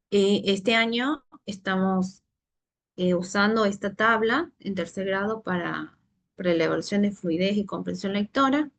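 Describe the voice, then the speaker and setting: A woman giving a teacher training presentation on reading, explaining in steps with frequent "eh" pauses and restarts. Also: mid-range voice. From Santiago del Estero, Argentina.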